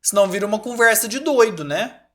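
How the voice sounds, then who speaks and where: Lively Brazilian man teaching grammar. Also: high voice, fast talker. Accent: Brazilian Portuguese. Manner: lively, checks in often with "certo?" and "tá?". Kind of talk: online grammar class.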